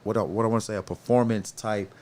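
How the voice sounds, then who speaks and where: A man's voice: on the low side, fairly even intonation, fast talker, darkish tone. A middle-aged man hosting a podcast in a casual, earnest way, often stopping to restart and calling his guest "bro". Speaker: podcast host. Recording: faint background noise.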